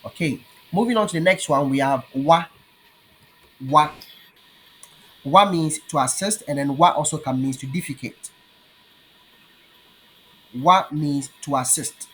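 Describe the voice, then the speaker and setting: A man with a Ghanaian accent teaching his language in an online lesson, patiently repeating words slowly. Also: on the high side, sharp tone, slightly rough.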